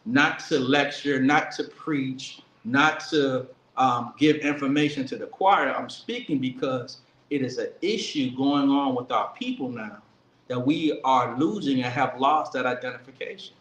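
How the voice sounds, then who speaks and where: A man giving an earnest political speech, emphatic and slowing down to stress key words. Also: mid-range voice, a bit bright, a little hiss or hum. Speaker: speaker at a commemoration event. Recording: echoey room with faint ambience.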